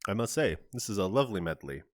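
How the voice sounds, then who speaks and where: A man's voice: on the low side, big pitch swings, fast talker, no room sound, studio quality. A man hosting a casual on-camera candy review, chatty and describing each flavor in detail with small asides. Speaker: candy reviewer, channel host.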